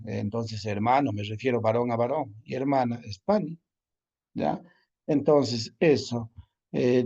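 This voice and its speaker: A man's voice: mid-range voice, creaky, dark tone, breathy edge, highs cut off. A man teaching a language class, repeating each word patiently and checking in often with his students. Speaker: Quechua teacher. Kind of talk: online class lesson.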